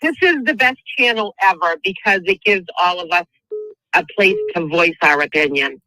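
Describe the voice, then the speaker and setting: Bright-voiced Boston woman calling in. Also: lowish voice, normal speed, poor audio. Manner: effusive, emphatic, repeats phrases for emphasis. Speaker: caller to the show. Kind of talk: casual chat.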